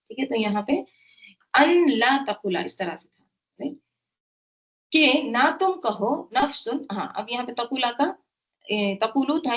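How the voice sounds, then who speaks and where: Woman, Quran teacher, fairly high voice, patient word-by-word explanation, muffled lo-fi sound. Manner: explains word by word, checks in with "right?". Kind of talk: tafseer lesson. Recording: dull lo-fi sound.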